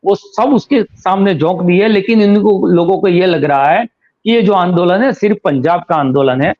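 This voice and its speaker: A man with a high-pitched voice gives interview commentary as a political analyst, arguing his points and firing off rhetorical questions. The audio is a little dull and lo-fi. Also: moderate pace. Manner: argumentative, fires rhetorical questions.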